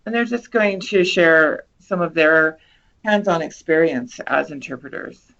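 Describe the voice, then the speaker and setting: A woman's voice: deep voice, animated, measured pace, creaky, a bit bright. A woman hosting an informal event and introducing the next speakers. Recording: dull, muffled online meeting audio.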